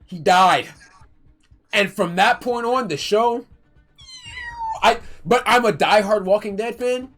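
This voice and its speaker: A young man streaming, telling a story in a casual, animated and emotional way, full of slang and restarts. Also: high-pitched, soft background music. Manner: animated, emotional, talks fast with slang and self-interruptions.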